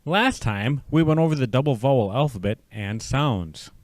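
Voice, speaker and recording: A man's voice: mid-range voice, expressive, dry recording. A man teaching a language lesson, patiently sounding out syllables and words for the listener to repeat. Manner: slow, drawn-out repetition of syllables.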